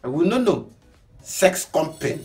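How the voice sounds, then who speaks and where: A man hosting a comic news show in Nigerian Pidgin, joking and laughing, jumping from loud bursts to low mutters. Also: very animated, unhurried, recorded from a distance, faint music behind.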